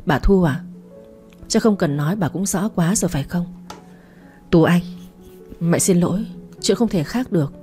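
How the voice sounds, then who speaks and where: A woman's voice: fairly low pitch, moderate pace, pauses often, mellow, faint music behind, lightly acted. A woman voicing a grieving mother who speaks with choked earnestness. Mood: grave. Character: grieving mother, firm and tearful.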